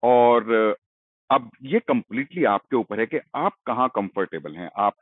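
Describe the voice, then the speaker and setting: Lively-pitched male language teacher, dry thin sound. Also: a little slow, no room sound. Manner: patient, explanatory, stretches out key sounds. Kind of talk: explaining Spanish letters in Hindi. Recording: dry, phone-like narrow sound.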